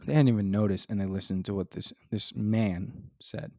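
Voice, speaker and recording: A man's voice: on the low side, moderate pace, creaky, mellow, no room sound, clean studio sound. A young man hosting a casual faith podcast from his dining room, talking enthusiastically and rambling with lots of fillers. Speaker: podcast host. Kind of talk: casual devotional podcast talk.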